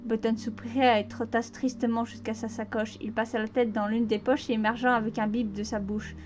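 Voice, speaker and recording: A woman's voice: fairly high pitch, flat delivery, brisk, over music. A woman casually reading a fanfiction aloud, stumbling over words now and then and breaking off for joking asides. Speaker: fanfiction reader.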